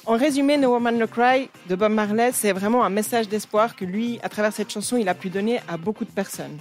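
A woman's voice: medium pitch, fairly quick. Woman presenting a radio music segment. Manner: lively, explanatory storytelling. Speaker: radio columnist. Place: radio studio.

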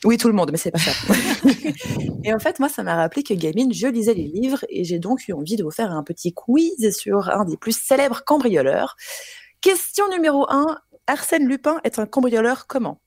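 A young woman presenting a lively radio quiz, chatty and animated with frequent hesitations. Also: a little high, moderate pace, breathy edge, no room sound.

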